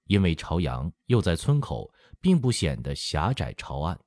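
This audiobook of a historical novel is read by a low-voiced man at a normal pace. His storytelling is expressive, with quoted lines performed in character, and the studio recording is close and dry with no echo.

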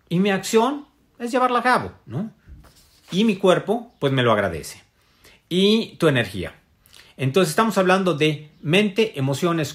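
A man giving a casual spiritual wellness talk to an audience. He speaks reflectively, with many fillers and tag questions. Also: on the high side. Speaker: motivational speaker.

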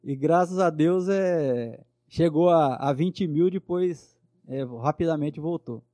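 A man speaks in a notably high but soft, mellow voice. He tells a personal story with earnest fervor, often checking in with little tag questions. The sound is close and dry, with no room echo. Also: takes it slowly. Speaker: guest. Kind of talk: personal testimony in conversation.

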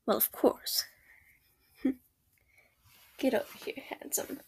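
A woman voicing a doting, protective girlfriend who comforts her sad partner in a soft whisper, in an ASMR roleplay. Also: very slow. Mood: affectionate.

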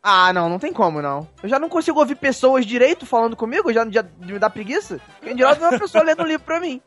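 A man's voice: very high-pitched, very animated, very fast, fairly bright tone, faint music behind. A man co-hosting a casual podcast chat, rambling with frequent stammered restarts. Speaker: podcast co-host.

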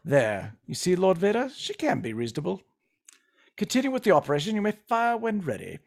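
Man putting on an icy British imperial commander, measured and menacing, lively pitch swings. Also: vocal fry, exaggerated voice. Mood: cold. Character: cold, imperious older male imperial commander. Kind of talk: playful scene reading.

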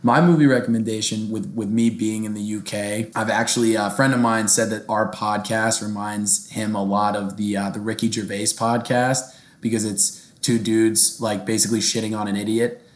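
A man's voice: lowish voice, flat delivery, moderate pace, roomy sound. A young man co-hosting a podcast, rambling and joking with lots of swearing and restarts. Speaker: podcast co-host. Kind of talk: casual chat.

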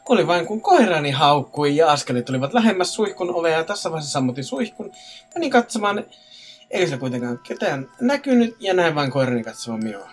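A man's voice: fairly high pitch, very animated, faint music behind. A man reading listener ghost stories aloud in a casual podcast chat, stumbling over words now and then.

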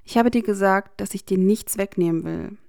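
A woman voicing an earnest, gentle young man in a fan fiction audiobook reading. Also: medium pitch, normal speed, gravelly, dry recording, studio quality, lightly acted.

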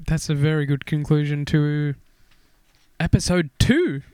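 A man's voice: fairly high pitch, a little slow, darkish tone, smooth, no echo, clean studio sound. A young Australian man co-hosting a podcast in casual chat, playful and laughing often. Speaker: podcast co-host. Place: studio.

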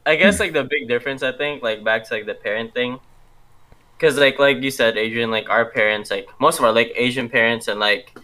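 A man's voice: mid-range voice, a little fast, bright, forceful tone, poor audio. A young adult man chatting casually in street slang, full of bro, man and swearing. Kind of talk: casual chat.

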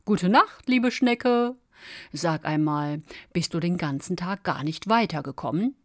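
A woman voicing a cheerful male fox who is always in a hurry, calling out in a loud, friendly way in a bedtime story. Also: low voice, normal speed, no echo, studio quality. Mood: cheery.

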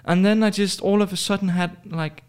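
His voice sits high, with a darkish, clean tone and fairly even intonation, moving a little fast. He's a man in his twenties from Denmark, a podcast guest in a casual interview, hesitant and prone to fillers and restarts.

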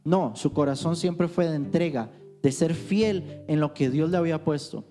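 Guy giving a worship teaching, kinda high voice, mellow tone, chatty storytelling. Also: normal speed, soft background music. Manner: conversational storytelling with anecdotes.

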